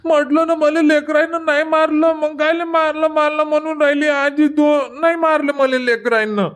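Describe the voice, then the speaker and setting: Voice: sits high, little pitch movement, normal speed, a bit bright. An actor voicing a sulky, whiny little village boy in a cartoon comedy, speaking with a Vidarbha Marathi accent and complaining to his grandmother.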